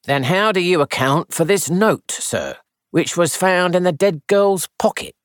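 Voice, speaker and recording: A reader voicing a methodical police inspector, asking formal, measured questions. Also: medium pitch, no room sound, clean studio sound, pitched above the performer's own voice, close to an everyday voice. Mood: probing.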